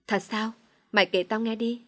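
A woman reading a storybook, voicing a blunt, excitable young woman who comforts her friend. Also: a little high, moderate pace, no echo, clean studio sound, natural voice. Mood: coaxing. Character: young woman, brash, emotional loyal friend.

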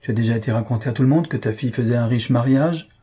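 A man voicing an irritable, easily angered middle-aged father in an audiobook, with a husky, dark voice. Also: mid-range voice, racing, close to an everyday voice. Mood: furious. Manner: gruff, agitated.

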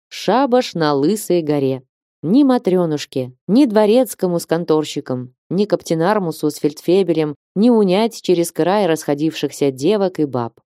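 Low, mellow woman narrating a classic. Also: no echo, studio quality. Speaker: audiobook reader. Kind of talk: literary narration.

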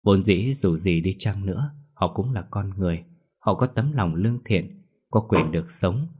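A man narrating a ghost story in a slow, mournful way. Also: sits low, expressive, a little mellow, slightly rough.

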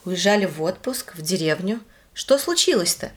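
A woman's voice: lowish voice, lively intonation, moderate pace, natural voice. Woman reading a confused, pleading husband, bewildered. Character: bewildered middle-aged husband, shaken.

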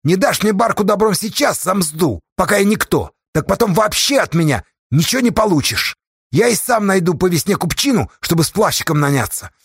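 A man's voice: sits high, expressive, fairly quick, breathy edge, dry recording, studio quality, voice pushed up, heavily acted. A man voicing a bold, stubborn young man who presses and challenges an older elder. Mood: defiant. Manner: pressing, defiant.

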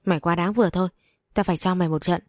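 A woman's voice: fairly low pitch, fairly even intonation, racing, dry recording, clean studio sound, close to an everyday voice. A woman voicing a whiny, bratty young sister-in-law in a storybook reading. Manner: whiny, shouting.

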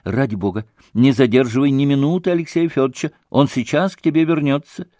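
A man voicing an excitable middle-aged society lady who talks effusively and breathlessly. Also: mid-range voice, quick pace, dry recording, clean studio sound, natural voice. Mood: flustered, gushing. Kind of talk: audiobook character voice.

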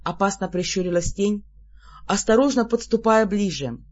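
An audiobook reader narrating in the first person, lively and exasperated in the heroine's lines. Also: medium pitch, moderate pace, dull audio.

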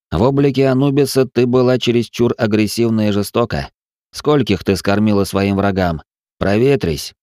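A man's voice: fairly low pitch, a little mellow, dry recording, clean studio sound, voice pushed up, close to an everyday voice. A man voicing a cold, ruthless possessed man who speaks curtly and with scorn. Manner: icy, curt and scornful.

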